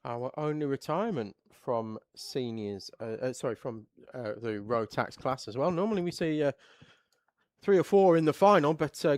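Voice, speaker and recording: A man commentating live on a kart race, reading out the starting grid in a relaxed, steady list. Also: medium pitch, no room sound.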